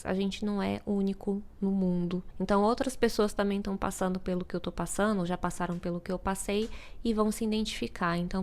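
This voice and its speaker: A woman author talks through her thoughts in a relaxed, conversational way. Her voice has a gravelly, creaky edge to it. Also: medium pitch. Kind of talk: recorded personal reflection.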